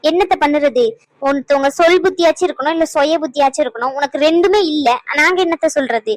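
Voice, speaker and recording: A woman voicing an exasperated grown daughter in a cartoon, scolding her mother with sharp rhetorical questions. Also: high voice, fast talker, dry recording, close to an everyday voice, low-quality recording. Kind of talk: cartoon voice acting.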